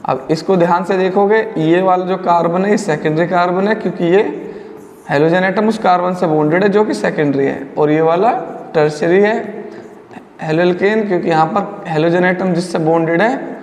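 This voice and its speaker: A man's voice: sits high, normal speed. A man teaching a chemistry lecture in speech, mixing English terms and playfully scolding students. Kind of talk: classroom lecture. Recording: echoey room with long reverb.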